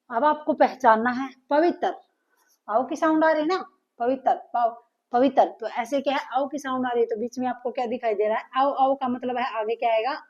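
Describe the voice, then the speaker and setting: A woman's voice: on the high side, a little mellow. A woman teaching a grammar lesson, patiently asking questions and answering them herself. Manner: patient, asks and answers her own questions. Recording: dull lo-fi sound.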